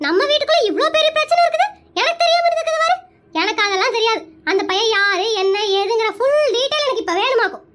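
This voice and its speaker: A voice actor voicing a bossy, talkative middle-aged aunt in an animated cartoon, scolding and prying. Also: very high voice, noisy background. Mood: agitated. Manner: loud, scolding, nosy and fast.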